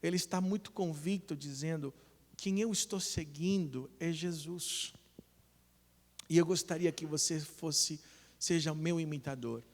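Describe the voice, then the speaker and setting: A man preaching a sermon as pastor, earnest, telling stories and retelling conversations, building to loud emphasis. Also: fairly high pitch, a little slow, big-room sound.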